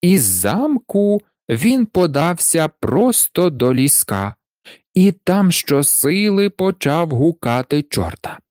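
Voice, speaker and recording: A storyteller reads a fairy tale slowly and deliberately, with a very lively, rising and falling voice. The recording is close and dry, with no room sound. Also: mid-range voice, no echo. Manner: expressive, unhurried storytelling. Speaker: narrator. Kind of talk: storybook reading.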